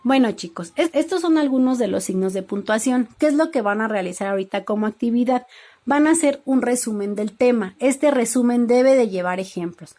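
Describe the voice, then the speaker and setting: A woman's voice: fairly high pitch, expressive, a little fast, mellow. A woman teacher, explaining a lesson to her students and reading examples aloud. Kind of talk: classroom lesson.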